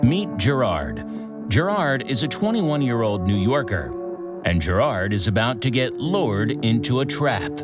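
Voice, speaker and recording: A male actor with a medium-pitched, sing-song voice plays a theatrical true-crime show host. He narrates in short, deliberate sentences broken by suspenseful pauses, with music in the background.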